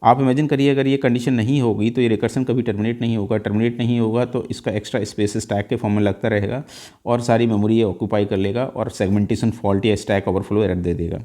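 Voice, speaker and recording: धीमे-धीमे समझाता, गहरी आवाज़ वाला आदमी. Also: male voice, on the low side, fairly even intonation, warm tone. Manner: mixes Hindi and English, steps slowly through each value with many "uh" fillers. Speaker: teacher. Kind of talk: exam-prep lecture walking through code.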